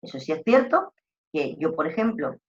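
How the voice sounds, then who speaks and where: Animated Andalusian woman teaching. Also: sits low, normal speed, dull audio. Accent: Andalusian Spanish. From Andalusia, Spain. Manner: talkative, animated teacher, repeats herself. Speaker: customer service trainer. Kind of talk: online lecture.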